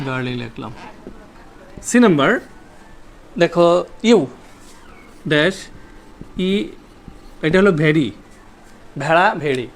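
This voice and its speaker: High-voiced man teaching grammar at a board. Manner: repeats key points and quizzes students with rhetorical questions. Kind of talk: whiteboard grammar lesson.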